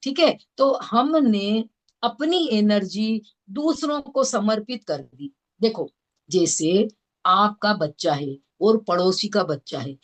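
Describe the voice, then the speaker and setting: A woman's voice: mid-range voice, lively intonation, slow. A woman with an Indore Hindi accent teaching a scripture class, explaining with everyday examples and often checking that listeners follow. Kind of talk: religious scripture lesson.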